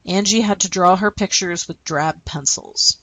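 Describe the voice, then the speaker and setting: A woman's voice: lowish voice, unhurried, a bit bright, rough recording. A woman teacher explaining a lesson and reading short stories aloud, often checking in with "okay?". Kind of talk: recorded classroom lesson.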